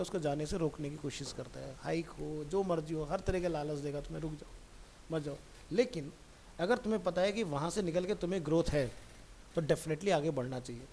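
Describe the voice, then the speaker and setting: A fairly high-voiced man teaching a computer class, relaxed and talkative, speaking straight to his student. A faint hiss runs under the recording. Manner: chatty, digressive, addresses student directly. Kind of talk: casual classroom talk.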